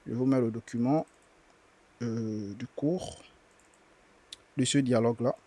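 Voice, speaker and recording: A man's voice: medium pitch, steady tone, slow, mellow. A man teaching a language class, patiently repeating words and drilling verb conjugations aloud, switching between explanations and careful pronunciation. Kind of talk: live class lesson explaining dialogue and vocabulary.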